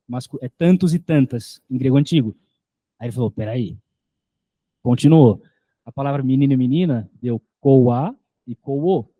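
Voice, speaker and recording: A man's voice: on the high side, dark tone, dry recording. A man giving a lecture, explaining step by step and often checking in with his listeners. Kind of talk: recorded lecture.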